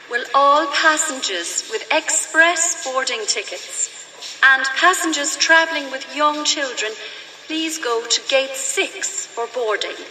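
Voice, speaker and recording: A woman playing an airport announcer, giving formal, measured boarding announcements in a clear, scripted manner. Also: high voice, sharp tone. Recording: echoey hall PA, distant, faint noise.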